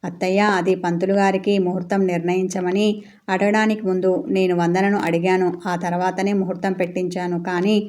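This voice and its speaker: Brief: a woman playing a fretful mother, flustered, low even voice, storybook reading. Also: a little fast, lightly acted. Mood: worried. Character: worried middle-aged mother, fretful and flustered.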